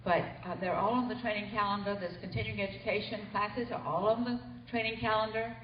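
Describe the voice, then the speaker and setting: A woman's voice: medium pitch, steady tone, fairly quick. A woman gives training announcements in a casual, chatty way at a company meeting. She sounds distant from the microphone, and the hotel meeting room echoes around her. The recording is dull and slightly muffled, with a faint hiss. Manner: chatty, informal. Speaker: training coordinator.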